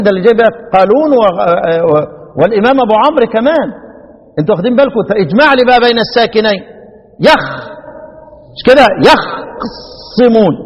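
A man speaking Egyptian Arabic, teaching Quranic readings in a lecture; he keeps asking his students questions and demonstrates words slowly in recitation. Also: very high-pitched, long reverb tail, lo-fi sound.

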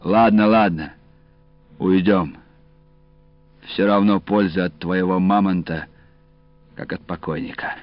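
Guy playing a gruff old uncle, teasing and sardonic, drags his words, lowish voice, dull dry audio. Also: fairly even intonation, slow pace, long pauses, no echo. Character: gruff, mocking, warm-hearted old uncle. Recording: dull dry studio audio, faint music.

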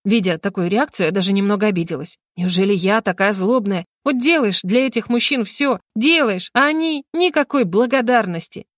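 A woman narrating a first-person novel as an audiobook in a lively, expressive manner. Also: mid-range voice, moderate pace, few pauses, no room sound, clean studio sound.

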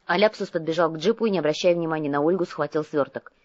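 A woman with a fairly low voice reads a novel aloud, steady and even. The sound is close and dry, with slightly dull, muffled audio. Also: quick pace, dry recording. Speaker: audiobook narrator. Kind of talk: audiobook narration.

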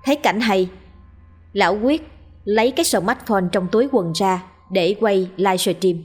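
A woman's voice: medium pitch, unhurried, husky, soft background music. A woman narrating a ghost story in a scripted, storytelling way.

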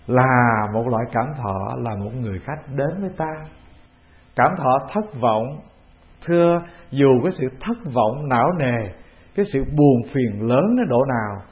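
A man with a Vietnamese accent, a Buddhist monk giving a calm, measured dharma talk, often putting questions to the assembly. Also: medium pitch. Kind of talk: sermon. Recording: tinny phone-like lo-fi recording.

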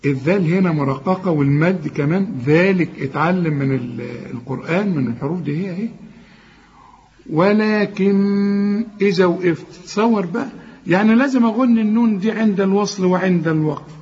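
High-voiced Egyptian sheikh drilling recitation. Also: male voice, darkish tone, muffled recording. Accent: Egyptian Arabic. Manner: drills words slowly, then explains in quick colloquial asides; corrective, direct to the learner. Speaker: Quran teacher. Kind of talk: tajweed recitation lesson.

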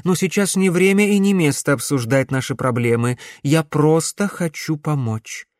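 A man reading an audiobook, voicing a stern middle-aged woman necromancer who speaks in a measured, insistent way. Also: fairly high pitch, dry recording, clean studio sound, voice pushed up, lightly acted.

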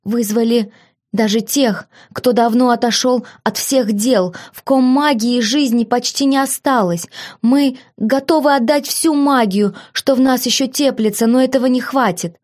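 A woman's voice: a little high, moderate pace, a little mellow, pitched above the performer's own voice, lightly acted. A woman voicing an exhausted male court mage who gives a weary, faltering report in an audiobook. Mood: despairing. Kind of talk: audiobook character voice.

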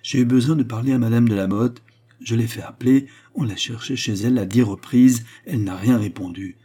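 A man voicing a proud, haughty queen in an audiobook reading, his voice raised higher and delivered in an imperious, demanding way. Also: fairly quick, mellow, natural voice.

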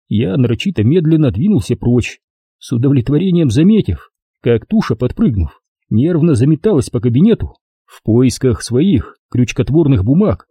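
A man narrates a first-person crime audiobook in a wry, sardonic manner. His voice is husky and very dark, and his pitch moves in a lively way through the lines. The sound is close and dry. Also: no echo.

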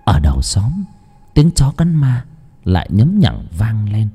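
A man's voice: fairly low pitch, wildly swooping pitch, measured pace, mellow, breathy edge, faint music behind. A man narrating a horror audiobook in a suspenseful, dramatic way.

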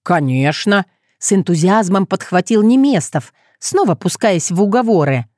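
An audiobook narrator, a woman of medium pitch, reads a scripted story aloud in an expressive storytelling style. Her moderate pace comes through in a dry, studio-quality recording.

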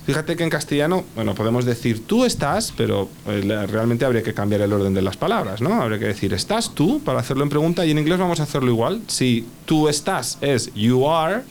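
A man's voice: medium pitch, very animated, a little fast, few pauses, a little mellow, a little hiss or hum. A man teaching an English lesson in Spanish on the radio, patiently spelling out words and checking with "ok?".

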